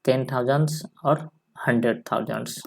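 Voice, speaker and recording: A male maths teacher giving a step-by-step lesson, dictating slowly and repeating each number as he writes it. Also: mid-range voice, steady tone, vocal fry, breathy edge. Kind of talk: step-by-step lesson while writing on a board.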